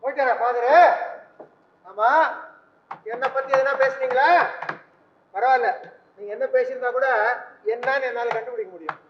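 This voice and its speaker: A brash young son who boasts and mixes English into his lines, with a very high voice. It rings in a roomy space on a dull old stage recording. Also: fairly even intonation, moderate pace, pauses often, a little hiss or hum. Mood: cocky. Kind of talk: vintage stage comedy acting.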